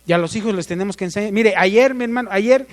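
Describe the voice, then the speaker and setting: A man's voice: high voice, fast talker, big-room sound. A man with a Mexican accent preaching a sermon, asking the congregation questions and calling for amens.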